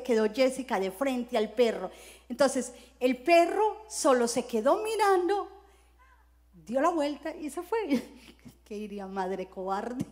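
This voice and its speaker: A woman's voice: high-pitched, a little mellow. A middle-aged woman pastor preaching a sermon, telling personal stories and acting out scenes as she goes. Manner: storytelling, acts out scenes with sound words.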